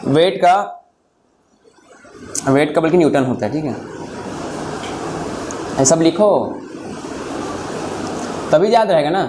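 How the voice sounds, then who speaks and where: A man teaching a class of students as a physics tutor, coaxing them to think and dictating notes slowly word by word, his throat sore from long talking. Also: on the high side, expressive, background noise.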